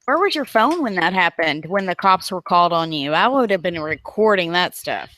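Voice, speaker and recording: A woman's voice: fairly low pitch, lively intonation, moderate pace, sharp tone, dry recording. A woman in her thirties hosting a casual chat, speaking in an opinionated, emphatic way. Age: 30s. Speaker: podcast host.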